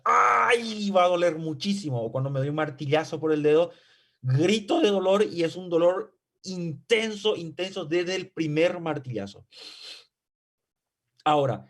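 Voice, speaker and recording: A man's voice: a little high, a little mellow. A man giving a classroom physiology lecture. He asks himself rhetorical questions, keeps checking understanding, and briefly acts out patient and doctor exchanges.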